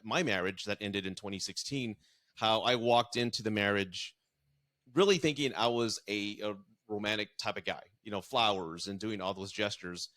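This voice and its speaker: A man's voice: fairly low pitch, moderate pace, a bit bright. Earnest middle-aged man telling his stories. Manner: earnest, storytelling with acted-out quotes. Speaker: dating and divorce coach. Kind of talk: casual podcast conversation.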